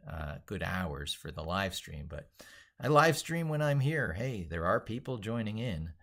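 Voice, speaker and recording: A man's low, fairly bright voice carries vocal fry as he works through an unscripted live-stream tech tutorial. He rambles while narrating his actions aloud, putting heavy weight on his points.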